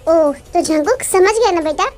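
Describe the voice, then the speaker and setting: A woman's voice: very high-pitched, moderate pace, darkish tone, soft background music. A woman voicing a henpecked middle-aged father who jokes meekly in a fan-dubbed drama. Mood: joking. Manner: playful, meek. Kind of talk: Hindi fan dub acting.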